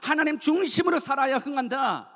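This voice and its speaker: A male pastor with a very high, fairly bright voice preaches briskly and with lively intonation. He fires rhetorical question after question at his congregation and leads them in call-and-response, having them repeat lines back. The long reverb of a church sanctuary rings around his sermon.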